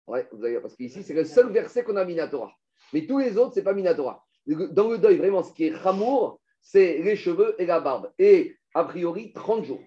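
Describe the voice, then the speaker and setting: High-voiced man teaching a Talmud class. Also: expressive, normal speed, dark tone, muffled recording. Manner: explains step by step, asks students questions.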